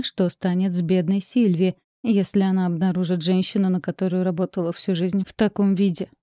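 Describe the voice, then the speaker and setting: A woman narrating a first-person story in a measured, tense audiobook reading. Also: medium pitch, mellow, no echo, studio quality.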